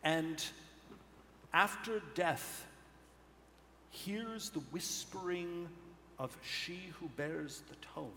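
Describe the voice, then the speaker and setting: A man game master tells the story slowly and deliberately, drawing out every phrase. His voice is a touch higher than most men's. A long hall reverb and faint noise surround him on a live stage. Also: lively intonation, sharp tone. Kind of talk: dramatic narration of a tabletop game.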